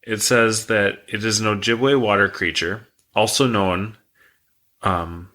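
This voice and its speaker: Male podcast co-host, low and bright-toned, relaxed rambling storyteller. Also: slow. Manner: relaxed, rambling, reads facts aloud.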